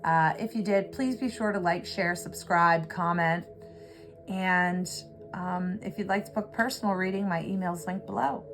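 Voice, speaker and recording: A woman giving an earnest, reflective tarot reading, pausing often with fillers, over a music bed. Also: on the low side, fairly even intonation. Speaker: tarot reader. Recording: clear music bed behind voice. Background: background music.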